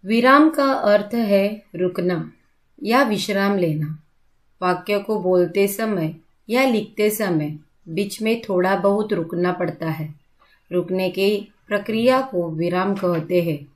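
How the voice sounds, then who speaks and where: A woman teaching a school grammar lesson at an unhurried, deliberate pace. She speaks clearly and patiently, stopping to repeat each example sentence. Her pitch sits in a middle range.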